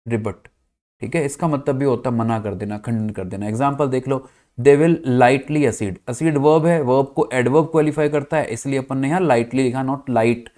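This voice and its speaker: Male Indian teacher, mid pitch, Hindi-English vocabulary lesson, spells words out, checks in with the class. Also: normal speed, mellow. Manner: addresses students as "bachcha party", checks "clear?".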